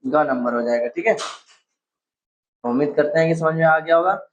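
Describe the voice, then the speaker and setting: A man with a somewhat high voice leads a casual exam-prep grammar lesson. He asks each question, then repeats the answer back to his students to make it stick. The recording sounds a little dull and lo-fi. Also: measured pace. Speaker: teacher.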